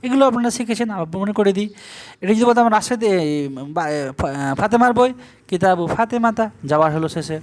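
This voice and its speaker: In an online lesson, a high-voiced man from Bangladesh teaches Arabic grammar in Bengali. He works through it step by step, slowly spelling out the Arabic terms.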